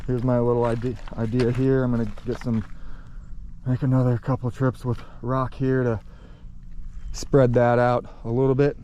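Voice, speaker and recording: A man's voice: mid-range voice, flat delivery, normal speed, warm tone, a little hiss or hum. A man hosting his own channel, walking outdoors and talking casually, a little out of breath, rambling and correcting himself as he goes. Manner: rambling, self-correcting, offhand. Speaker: channel host. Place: outdoors by a pond.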